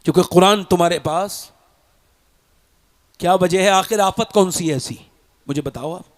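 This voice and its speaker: A man preaching a sermon, swinging from shouted peaks down to low, quiet appeals. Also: moderate pace. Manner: fiery, rises to shouts then drops low.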